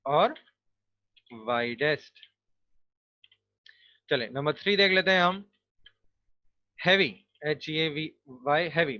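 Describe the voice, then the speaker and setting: A man's voice: a little high, no echo. A man teaching a grammar lesson, explaining step by step and spelling words out letter by letter. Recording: dull, lo-fi dry recording.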